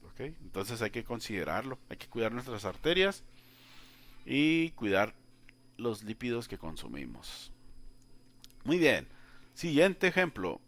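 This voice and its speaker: A man's voice: medium pitch, big pitch swings, unhurried, pauses often, a bit bright, a little hiss or hum. A man teaching a calculus lesson, chatting directly to the student and walking through each step. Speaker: math teacher. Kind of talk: informal whiteboard lesson.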